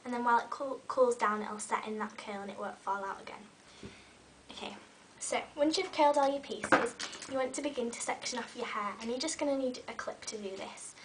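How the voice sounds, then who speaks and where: A young woman who vlogs about beauty talks fairly quickly while curling her hair, chatty and full of ums, her fairly high voice slightly croaky from a cold. In her small bedroom lit with fairy lights, she sits back from the webcam, making her sound a bit distant over a faint hiss.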